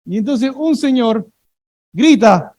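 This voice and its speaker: A man preaches from the pulpit, his voice pitched fairly high. He tells everyday stories with playful energy and calls on the congregation to echo his words. The sound is close and dry. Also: takes it slowly. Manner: lively storytelling, asks congregation to repeat words. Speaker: pastor. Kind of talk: sermon.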